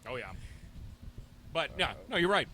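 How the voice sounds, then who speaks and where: A man's voice: on the high side, animated, normal speed, sharp tone, a little hiss or hum. Wry man telling a story at a bar. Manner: wry, storytelling, dry jokes. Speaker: podcast co-host. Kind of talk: casual bar chat.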